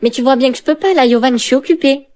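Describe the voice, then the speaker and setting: A woman's voice: sits high, racing, darkish tone, close to an everyday voice. A woman playing a dismissive, busy young girlfriend in a scripted skit. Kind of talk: scripted skit, text-to-speech dialogue.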